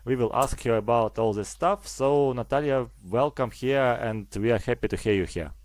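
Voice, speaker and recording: A man of middle pitch hosting a podcast and interviewing a guest. He talks hesitantly, pausing and restarting often, in a dry, close recording. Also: darkish tone, no echo. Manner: hesitant, many fillers and restarts. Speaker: podcast host.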